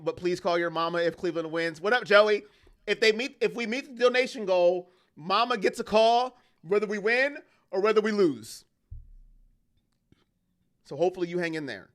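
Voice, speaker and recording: Fired-up, bright-voiced male fan host. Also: high voice. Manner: heated, ranting, fast-shifting intensity. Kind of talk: livestream sports talk, reading chat.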